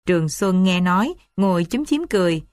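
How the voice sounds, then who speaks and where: A woman narrating an old novel in a steady storytelling manner. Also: on the low side, a little fast, dry recording, studio quality.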